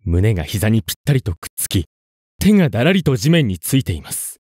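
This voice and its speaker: A man reads a scripted ghost story in a low voice. His intonation moves widely, building suspense with deliberate pauses. The recording is close and dry. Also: big pitch swings, darkish tone, no room sound. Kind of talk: scripted horror story narration.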